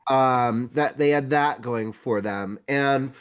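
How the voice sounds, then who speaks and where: A man's voice: mid-range voice, slow, clear, resonant tone. A man co-hosts a casual sports chat in a mid-range voice. He speaks loosely and hedges his points with plenty of ums. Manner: loose, hedging, filler-heavy. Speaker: co-host.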